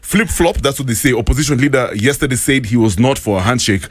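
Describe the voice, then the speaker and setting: A man with a Kenyan accent hosting a casual radio chat, animated and reading out newspaper headlines. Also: mid-range voice, fast talker, dry recording. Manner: lively, animated, reads headlines aloud. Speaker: radio show host. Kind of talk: casual radio chat mixing English and Swahili. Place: radio studio.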